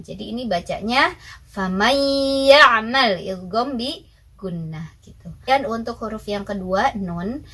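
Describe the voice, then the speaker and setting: A woman's voice: medium pitch, sharp tone, slightly rough, low-quality recording. A young woman, patiently teaching Quran recitation rules step by step and asking her own questions before answering them. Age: young adult. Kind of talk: recorded tajwid lesson.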